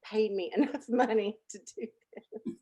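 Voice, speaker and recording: A woman's voice: medium pitch, a little slow, dark tone, breathy edge. An American woman guest talking casually about her business, chatty and self-deprecating, with many fillers and restarts. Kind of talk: casual interview chat.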